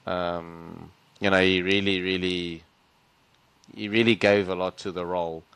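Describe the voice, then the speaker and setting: A man's voice: low-pitched, level tone, a little slow, fairly bright tone, smooth, low-quality recording. A man co-hosting a podcast in casual chat, talking with earnest enthusiasm and lots of fillers. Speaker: podcast co-host.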